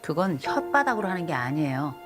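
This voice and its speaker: A woman's voice: low-pitched, big pitch swings, a little fast, over music. A middle-aged woman counseling a couple on television, stern and lecturing, repeating her instructions firmly. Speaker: marriage counselor. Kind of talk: blunt counseling session on TV.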